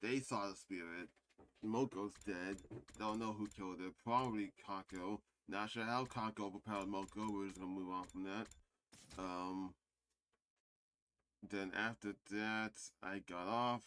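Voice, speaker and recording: A man's voice: fairly low pitch, steady tone, a little slow, fairly bright tone, slight background noise. A young man casually commenting on a game he plays, swearing now and then and reading its text aloud. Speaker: gaming video host. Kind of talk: let's play commentary.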